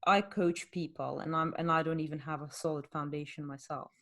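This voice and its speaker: A woman's voice: low-pitched, steady tone, fairly quick, a bit bright. A woman, a fitness coach hosting a podcast, chatting candidly and explaining things with rhetorical questions. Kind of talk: casual podcast chat.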